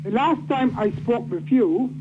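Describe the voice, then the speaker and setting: A man calling in to a radio show, speaking in a formal, flowery, deliberate way. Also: extremely high pitch, expressive, over music. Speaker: caller. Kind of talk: phoned-in radio comment. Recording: dull lo-fi phone line with noise.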